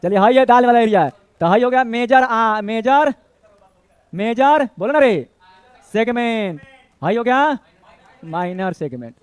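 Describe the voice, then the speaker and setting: A man's voice: very high voice, lively intonation, a little slow, clear, resonant tone, no room sound. A man teaching a maths class, chatty, joking with and scolding his students, dropping in Bhojpuri words. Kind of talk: classroom lesson.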